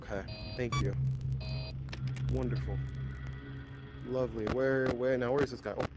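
A man's voice: mid-range voice, fairly even intonation, normal speed, poor audio. A man commentating live as a scared horror game streamer, pleading and exasperated, repeating himself frantically and swearing freely. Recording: game music running behind the voice. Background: horror game music and sounds.

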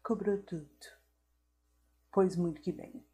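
A woman's voice: lowish voice, slow pace, mellow, breathy edge. A woman with a Brazilian Portuguese accent teaching a live online law class, chatty and affectionate, greeting viewers by name.

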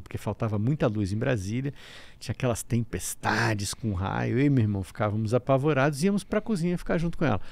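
Middle-aged Brazilian man, gravelly voice, dry close sound, animated storytelling with stammers. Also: lowish voice, dry recording. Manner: lively anecdotes, stammering restarts and laughter. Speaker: guest, breathwork teacher. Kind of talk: storytelling in a casual interview.

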